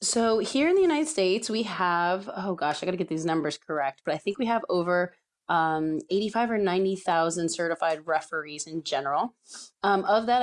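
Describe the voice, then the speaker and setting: A woman in her thirties from California, a soccer referee telling her story in a relaxed podcast interview, chatty with many fillers and laughs. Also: lowish voice. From San Diego, California.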